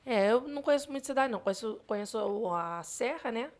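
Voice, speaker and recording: Talking fast in a fairly high, animated voice, this woman is a podcast guest and digital marketer from Brazil. She grew up in Rio de Janeiro, carries that city's Brazilian Portuguese accent, and explains things in a casual interview chat.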